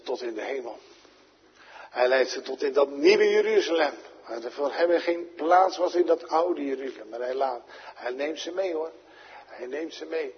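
Husky male preacher in a reverberant church. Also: mid-range voice. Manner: fervent, swelling to loud emphatic calls then dropping to quiet intimate appeals; repeats phrases, asks the congregation direct questions. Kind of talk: sermon. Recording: lo-fi recording with long church reverb.

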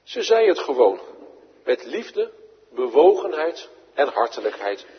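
A husky-voiced man preaches slowly, his pitch leaping and falling as he quotes scripture. The recording is dull and lo-fi, with his voice carrying through a long church reverb. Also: very animated. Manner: dramatic rises and falls, quoting scripture with raised voice. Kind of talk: sermon. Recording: echoey church hall, dull lo-fi radio broadcast.

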